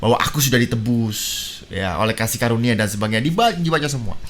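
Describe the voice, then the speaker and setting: A man, a guest on a radio talk show, telling stories in an animated way with many fillers. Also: medium pitch, fast. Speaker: guest speaker. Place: radio studio.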